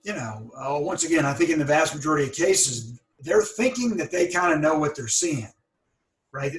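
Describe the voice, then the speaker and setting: Hosting a conversational podcast interview, a man with a higher-leaning voice and lively intonation talks at normal speed. He stutters and begins words over in a thoughtful, encouraging way, and the sound is roomy and slightly off-mic.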